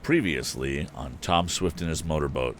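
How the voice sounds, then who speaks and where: A man with a very deep voice, the host and reader of a live story stream, narrates expressively and dramatically at a normal speed, adding casual asides. A little hiss or hum can be heard.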